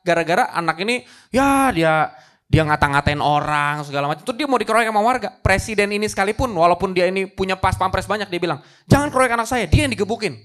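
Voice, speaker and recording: A man's voice: high-pitched, quick pace, fairly bright tone. A male pastor preaching a live church sermon, telling a story dramatically and rising to emphatic peaks. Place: church service, recorded live.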